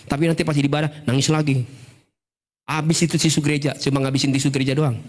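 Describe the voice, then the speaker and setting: A man preaching a Sunday sermon in church as pastor, animated and often jumping into a high, excited voice. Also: fast talker. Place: church service.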